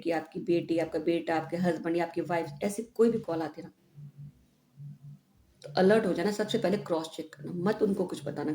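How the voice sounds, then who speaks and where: Chatty woman vlogger in an echoey room. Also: on the low side. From India. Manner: chatty, animated retelling with frequent "हैं?" tags. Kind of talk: casual vlog storytelling. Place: home room. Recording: echoey room with faint background noise.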